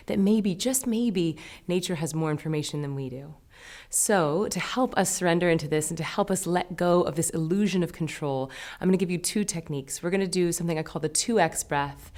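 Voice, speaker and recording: Low-voiced woman teaching guided meditation. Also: a little mellow. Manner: casual, upbeat, conversational.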